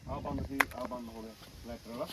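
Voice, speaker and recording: Punjabi male, rapid casual work chat, heavy background noise. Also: mid-range voice, steady tone. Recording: very noisy outdoor recording with clicks.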